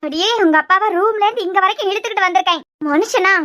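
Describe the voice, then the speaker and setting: A woman's voice: very high-pitched, quick pace, bright, forceful tone, no echo, clean studio sound. A woman voicing a protective, secretive young woman in a cartoon with a Kanyakumari Tamil accent, speaking in a coaxing, earnest way.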